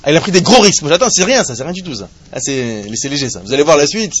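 A man with a high, somewhat husky voice teaches a Torah class to a small group of listeners. He is lively and humorous, peppering his explanation with rhetorical questions and asides to the students. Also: racing. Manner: animated, asks rhetorical questions, jokes with students. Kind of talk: live Torah class lecture.

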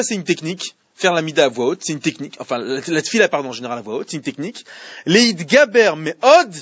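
A man leads a religious class in an animated, questioning way, now and then chanting Hebrew verses slowly. His voice is high and husky and swings widely. The recording is dry and a little dull. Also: dry recording. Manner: animated, explains by asking questions. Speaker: religious teacher. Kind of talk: Torah class with students.

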